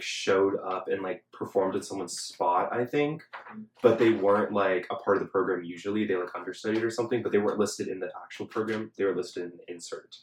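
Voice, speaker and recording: A young man chats casually as a podcast host, his voice sitting a little low. His talk is loose and full of "like". The room around him rings with a roomy echo. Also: a little mellow. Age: young adult. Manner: filler-heavy, chatty, frequent "like". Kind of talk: casual chat. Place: Los Angeles.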